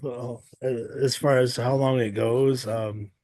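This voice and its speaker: Podcast dude talking real slow, lots of ums, dry close mic. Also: male voice, medium pitch, fairly even intonation, darkish tone, dry recording. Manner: slow and hesitant, many ums and restarts. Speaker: podcast co-host. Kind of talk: casual chat.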